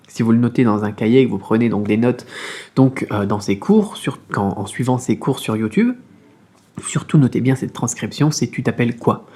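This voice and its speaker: A man teaching a beginners' language lesson on video, with a slightly husky, breathy voice at an ordinary middle pitch. He explains patiently and says each syllable several times so learners can copy the tones. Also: darkish tone. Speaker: Mandarin teacher.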